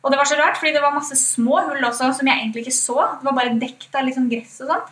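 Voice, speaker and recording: Heard from some distance in an echoey room, a Norwegian-accented woman appearing as a guest recounts a story in a lively, conversational way. Her slightly high voice is peppered with fillers and thoughts she quotes aloud.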